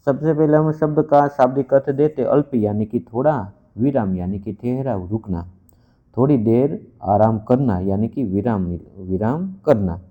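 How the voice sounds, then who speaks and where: A man's voice: mid-range voice, measured pace. A man teaching a lesson to camera, repeating himself often and correcting himself as he goes. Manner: repeats itself, with fillers and self-corrections. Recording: dull lo-fi recording.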